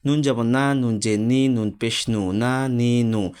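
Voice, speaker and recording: A young man teaching a recorded reading lesson, reciting letter sounds in a steady, patient drill for viewers to repeat. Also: medium pitch, slow, clean tone.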